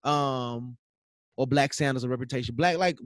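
A man's voice: medium pitch, normal speed, no echo, clean studio sound. A man, telling stories casually as a podcast co-host and animatedly acting out dialogue.

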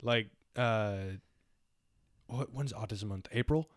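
Young male podcast co-host, casual and reflective, middle pitch, dry sound. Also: takes it slowly, no room sound. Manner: rambling, reflective, heavy use of "like". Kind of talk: casual philosophical chat.

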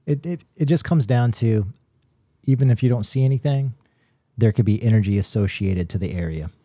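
A man co-hosting a paranormal podcast, explaining his views in a measured casual way with restarts. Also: medium pitch, mellow, no room sound, studio quality. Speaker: podcast co-host, paranormal investigator. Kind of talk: casual chat.

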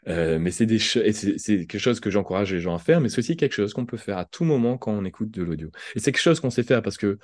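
Low, mellow-voiced Frenchman explaining patiently. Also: expressive, fast, hardly any pauses, no echo, studio quality. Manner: thoughtful, explains with examples and restarts. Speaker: podcast guest, language entrepreneur. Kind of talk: conversational interview.

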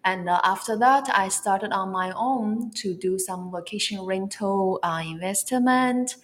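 A Chinese woman who speaks English as a second language, with a Chinese accent, talks casually as an interview guest. Her voice is medium-pitched, and she speaks haltingly, often searching for words.

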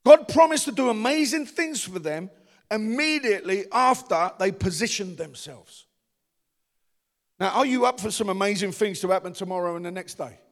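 The recording carries long church reverb as a Cockney-accented man from the East End preaches rousingly, pressing the congregation for responses. His high voice has lively intonation at a normal speed.

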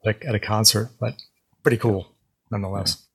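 Husky easygoing man chatting. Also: fairly low pitch, steady tone, fairly quick, fairly bright tone. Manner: easygoing storyteller, many "like"s. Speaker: podcast co-host. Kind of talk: casual chat.

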